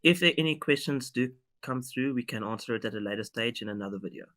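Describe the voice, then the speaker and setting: A man with a bright, forward tone moderates a school livestream. He keeps his updates short and reassuring, speaking at an ordinary pitch. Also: quick pace. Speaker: moderator watching the live chat. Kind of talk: online parent briefing.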